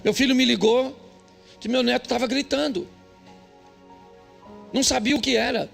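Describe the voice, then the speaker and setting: An older male pastor with a Brazilian Portuguese accent, preaching a humorous sermon with jokey, emphatic storytelling and sudden high outbursts. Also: fairly even intonation, moderate pace, creaky. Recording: faint music behind.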